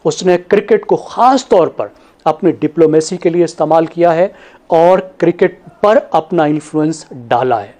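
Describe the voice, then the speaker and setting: High-voiced man laying out points. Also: lively intonation, mellow. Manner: measured, listing points in order. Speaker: panelist. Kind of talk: TV panel analysis.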